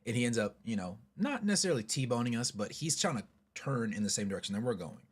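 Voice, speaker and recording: A man telling a story casually to his vlog audience, chatty and animated with asides. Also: mid-range voice, fast talker, husky. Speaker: vlogger, storyteller.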